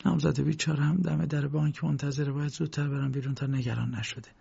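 A man's voice: on the high side, level tone, creaky, mellow, breathy edge, exaggerated voice. A man voicing a desperate young male guard who begs tearfully and pities himself. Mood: pleading. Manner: begging, self-pitying. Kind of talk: audiobook character voice. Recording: muffled lo-fi recording.

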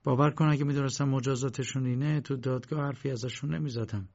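An indignant, troubled bank official, as a narrator puts him on speaks in a gravelly voice. He protests with earnest agitation. The sound is muffled and lo-fi. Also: medium pitch, steady tone, darkish tone. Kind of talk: audiobook character voice. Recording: muffled lo-fi recording.

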